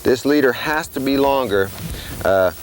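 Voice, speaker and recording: A man's voice: mid-range voice, measured pace, faint music behind, rough recording. An older man, a fishing instructor, explains step by step in a plain hands-on tutorial while he ties rigs.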